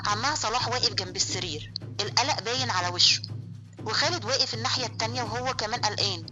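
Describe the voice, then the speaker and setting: A woman's voice: a little high, racing, low-quality recording. A woman with an Egyptian accent narrating a horror story in a suspenseful, vivid way. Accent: Egyptian Arabic. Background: faint music.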